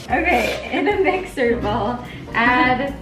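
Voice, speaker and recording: A woman's voice: a little high, expressive, slow pace, distant mic. Tipsy, giggly young woman, echoey kitchen. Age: young adult. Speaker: vlog co-host. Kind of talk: casual banter, reading a recipe aloud. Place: home kitchen, indoors. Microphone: camera mic at a distance. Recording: echoey kitchen, off mic, music. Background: background music.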